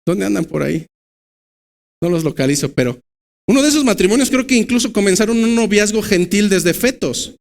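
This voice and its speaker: A man with a Mexican Spanish accent delivers a church sermon. His voice sits high for a man. He swings from loud, emphatic bursts to slow, low stresses. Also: lively intonation, vocal fry. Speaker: pastor.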